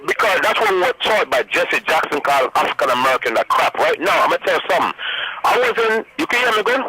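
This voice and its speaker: A man calling in to a radio show over a phone line, lecturing in an animated, insistent way. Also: on the high side, quick pace. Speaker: caller. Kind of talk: call-in radio chat. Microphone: telephone. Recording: noisy, breaking-up phone line.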